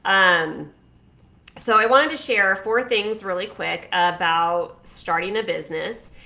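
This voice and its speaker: A woman's voice: medium pitch, slow, creaky, pushed and bright. A woman in her forties, a fashion stylist and coach, talking casually and encouragingly to viewers with many fillers and restarts. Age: 40s. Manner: chatty, rambling, encouraging. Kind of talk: casual talk to camera.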